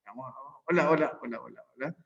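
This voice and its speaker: A man's voice: mid-range voice, fast, vocal fry, a bit bright. A man teaching an online class, his voice ringing with heavy echo from a school room, upbeat and repeating himself. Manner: upbeat, repeats words, asks "¿ya?". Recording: echoey room, dull lo-fi sound.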